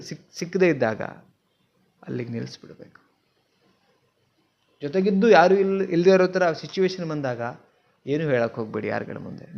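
Earnest Kannada-accented motivational speaker. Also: male voice, mid-range voice, creaky, darkish tone, lo-fi sound. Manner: earnest, questions the viewer, mixes in English words. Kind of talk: direct-to-camera motivational talk. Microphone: simple mic, not professional.

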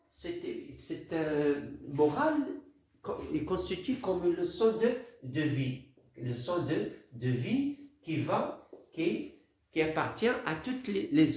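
A man teaching a literature lesson, halting and repeating words, counting syllables aloud. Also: on the high side, a little mellow. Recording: very echoey room.

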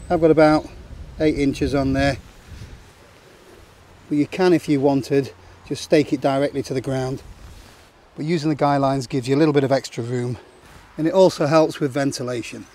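A man in his forties calmly talking through a camping setup, step by step, in an open meadow outdoors. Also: mid-range voice, moderate pace. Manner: plain, matter-of-fact instructional talk. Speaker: outdoor gear vlogger.

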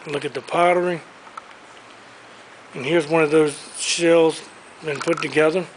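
A man gives an upbeat preview tour of a large indoor auction warehouse, filming on the handheld camera he carries. His voice is a little high and a little slow with a steady tone. The rough recording has a little hiss or hum.

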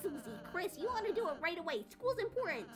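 A woman voicing a polite, earnest young goat prince in a video game, courteous and gently scolding. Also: very high-pitched, very animated, fast, music in the background, pitched above the performer's own voice.

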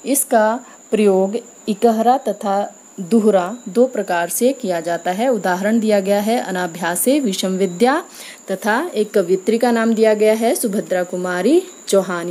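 A woman gives a grammar lesson in a mellow, soft-toned voice. She speaks clearly and at a measured pace. She slows down to read each example sentence carefully. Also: mid-range voice. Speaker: teacher.

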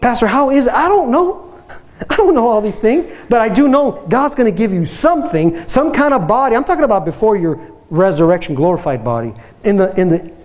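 A man in his fifties, a pastor preaching a playful, animated sermon on a church stage into a headset mic, often asking the congregation questions. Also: sits high, a little fast. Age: 50s. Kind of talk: sermon with a tent prop.

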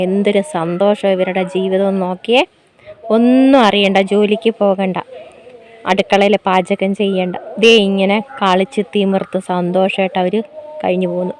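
A woman's voice: medium pitch, darkish tone. Chatty woman vlogging outdoors. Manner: chatty, keeps prompting viewers to look, playful mock laments. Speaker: homemaker and vlogger. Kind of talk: casual walk-and-talk vlog. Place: outdoors in a home garden.

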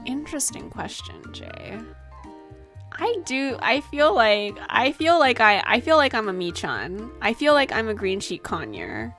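A young adult woman chats casually and playfully on a gaming livestream, rambling and giggling into a desk microphone with a headset in a small room at home. Her voice sits on the high side, sing-song and fairly bright, with a slightly slow pace, and music plays in the background.

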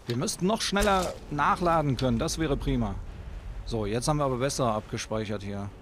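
A man giving casual gameplay commentary as a let's play host, talking excitedly to the enemies on screen. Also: medium pitch, brisk, slight background noise.

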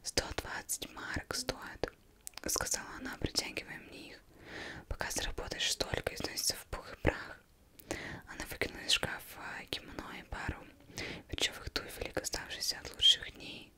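A young woman reading a novel aloud as ASMR in a breathy, unvoiced whisper, very close, as if right in the listener's ear. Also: normal speed, sharp tone. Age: young adult. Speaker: ASMR reader. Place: indoors, plain studio backdrop. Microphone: close microphone.

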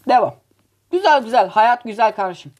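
Her pitch leans high and her delivery is brisk as she hosts her gaming channel. She keeps the commentary excitable and full of jokes, needling rival players and cursing them out.

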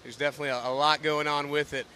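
A man who manages a factory, explaining the production steps in a steady, knowledgeable way. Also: a little high, racing. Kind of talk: technical explanation.

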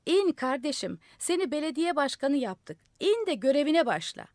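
Woman voicing loud, pleading officials for a storybook; raised, lively calls, dry sound. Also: high-pitched, normal speed, no echo, voice pushed up. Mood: pleading loudly. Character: exasperated officials shouting up at a roof. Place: radio studio.

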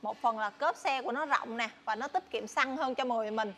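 A young woman with a southern Vietnamese accent giving a casual, chatty sales walkthrough, often pausing and repeating words. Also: a little high, fairly bright tone. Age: young adult. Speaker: motorbike shop saleswoman presenting stock. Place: large tin-walled motorbike warehouse. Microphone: clip-on lapel mic.

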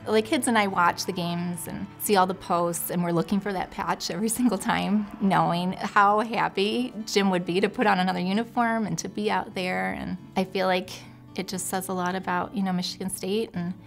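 A woman speaking softly and with emotion in an interview, her words trailing off. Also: mid-range voice, steady tone, normal speed, creaky, soft background music. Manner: soft-spoken, emotional, trailing off. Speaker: widow. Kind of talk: interview testimony.

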